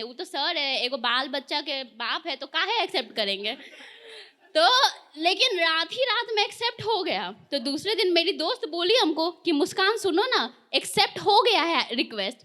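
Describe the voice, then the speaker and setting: A woman's voice: very high voice, bright, forceful tone. A young woman telling a school story in a live stand-up set, chatty, giggling often and acting out the dialogue. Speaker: stand-up comedian. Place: live comedy stage.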